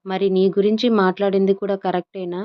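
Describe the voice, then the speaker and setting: A woman's voice: mid-range voice, level tone, brisk, no echo, muffled recording, natural voice. A woman narrator voicing a proud young husband who speaks bitterly. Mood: resentful. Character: proud, hurt young husband, quick to anger.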